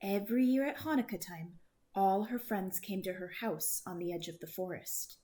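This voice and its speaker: A woman narrating a children's picture book read-aloud, reading gently and shifting her pace for effect. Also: mid-range voice, normal speed. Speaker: storyteller.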